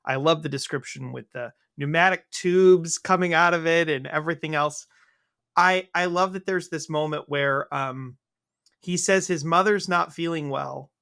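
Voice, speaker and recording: A male podcast co-host chats with enthusiasm in a gravelly voice. He has a bright, forward tone. The sound is dry and close. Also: a little high, normal speed, dry recording. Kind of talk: casual podcast book-club chat.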